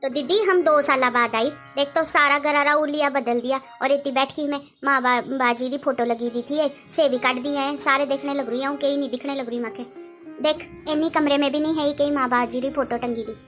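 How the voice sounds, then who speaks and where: A woman's voice: sits high, steady tone, fairly quick, a bit bright, soft background music. A woman playing a hurt young sister who complains about how she is treated at her childhood home. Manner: complaining, wounded.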